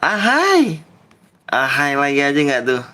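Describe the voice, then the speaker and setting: A man's voice: on the high side, measured pace. A young man with a Betawi Jakarta accent chatting casually and teasing viewers during a game livestream. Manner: teasing, playful, often mimics viewers' pleas. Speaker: livestream gamer.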